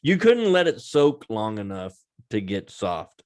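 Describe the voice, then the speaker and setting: A man's voice: fairly low pitch, very animated, unhurried, darkish tone. A man co-hosting a podcast in casual chat, laughing often, teasing and swearing. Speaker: podcast co-host.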